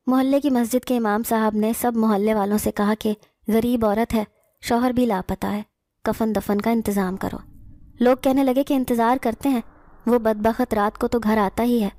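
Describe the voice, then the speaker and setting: A woman narrating a first-person horror story in a steady storytelling manner. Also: a little high, dry recording, clean studio sound.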